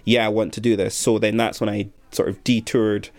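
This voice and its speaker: Young man, somewhat low voice, primary teacher, earnest, measured reflective talk. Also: flat delivery. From Scotland.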